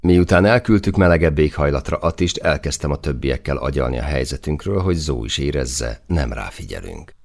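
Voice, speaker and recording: A man's voice: very deep voice, expressive, vocal fry, few pauses. A man reading a first-person novel aloud in a dry, earthy manner with casual swearing. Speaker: audiobook narrator.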